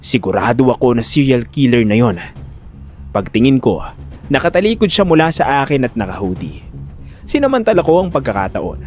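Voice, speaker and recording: Set against soft background music, this first-person suspense tale comes from a man in the role of a worried, protective older brother. He speaks a little fast in a sing-song, slightly mellow natural voice, narrating dramatically and acting out dialogue in an exasperated, high register, keeping the mood tense.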